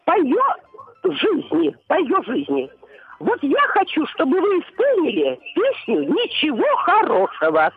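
A woman in her seventies calls a radio show over a thin, phone-like line. Her voice is high and climbs and drops widely. She speaks haltingly, with stern disapproval. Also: huge pitch swings, dry recording, faint music behind. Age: 70s. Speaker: caller. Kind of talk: phone-in call.

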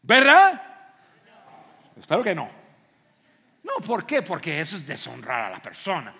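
A man preaches to an auditorium, his voice sitting high and carrying a long reverberant tail from the hall. He acts out everyday scenes with lively energy and often stumbles into repeated words. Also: measured pace, gravelly, husky. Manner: animated, acts out scenes, frequent stammered repeats. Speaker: pastor. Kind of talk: sermon. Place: large auditorium.

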